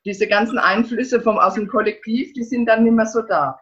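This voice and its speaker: A speaker chats casually, agreeing and adding points. The voice is bright and forceful, with a husky edge. The sound is dull and lo-fi. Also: medium pitch, fairly even intonation, moderate pace. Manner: agreeing, explaining. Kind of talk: casual chat.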